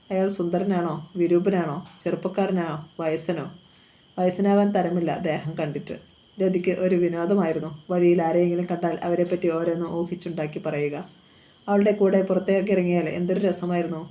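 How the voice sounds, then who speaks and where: A woman reading a novel aloud at a steady, even pace. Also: fairly low pitch. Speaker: novel reader.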